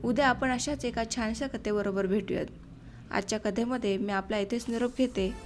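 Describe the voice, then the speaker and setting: A woman narrates a village short story for an audiobook. Her voice is high, and her telling is expressive yet measured. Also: soft background music.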